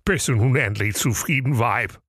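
A man's voice: mid-range voice, moderate pace, fairly bright tone, husky, dry recording, clean studio sound, voice pushed up. A man voicing a good-natured, henpecked excavator driver who sounds exasperated in a comic audio fairy tale. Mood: weary. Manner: weary, exasperated, sing-song rhymes.

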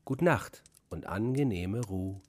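A man's voice: lowish voice, expressive, takes it slowly. A man voicing a kindly man who lets freezing animals into his forest hut, in a family reading of a rhymed storybook. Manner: exclaiming, warmly welcoming.

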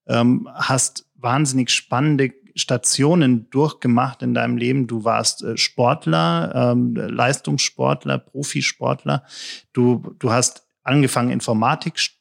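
Gravelly-voiced male interviewer. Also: medium pitch. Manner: long rambling questions with many fillers. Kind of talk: conversational interview.

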